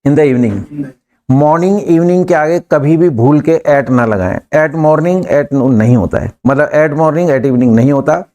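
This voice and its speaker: A man teaching English in a classroom uses a dark-toned voice on the high side and a measured pace. He runs sentence drills, coaxing students to answer and say the lines back.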